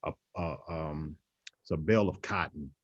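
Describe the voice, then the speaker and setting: A man who founded an agency, speaking earnestly on a panel with many halting fillers. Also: very deep voice, no room sound, dull audio. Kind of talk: panel discussion.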